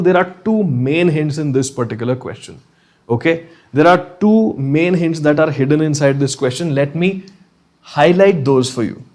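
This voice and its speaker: His voice sits on the high side with a darkish tone. He's a man with a North Indian accent leading a live online class conversationally, mixing Hindi phrases into English and often pausing for short check-in questions.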